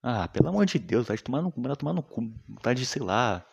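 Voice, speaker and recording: A young man rambling in a casual, slangy monologue full of swearing, often trailing off quietly. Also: mid-range voice, big pitch swings, quick pace, creaky, slightly rough, muffled recording.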